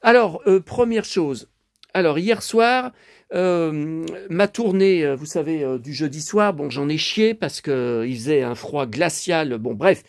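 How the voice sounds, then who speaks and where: A middle-aged man talking to camera in a loose, rambling vlog, blunt and quick to swear, with lots of fillers and restarts. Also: a little high, lively intonation, vocal fry, no room sound. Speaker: vlogger. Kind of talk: casual rambling vlog monologue.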